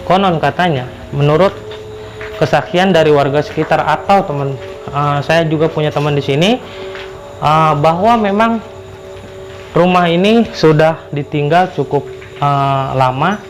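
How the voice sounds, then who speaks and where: A man with a slightly high voice narrates an exploration vlog. He speaks haltingly to his viewers and often repeats his phrases. Music plays behind his voice. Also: rough recording. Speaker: vlogger exploring abandoned houses. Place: abandoned roofless house and overgrown grounds in drizzle.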